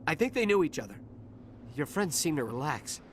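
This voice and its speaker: An actor playing a nervous dockworker who stammers and sounds shaken after an attack. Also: male voice, on the high side, very animated, fairly quick, a bit bright, a little hiss or hum. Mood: frightened. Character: nervous male dockworker, frightened survivor. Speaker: game character. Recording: game audio with music behind.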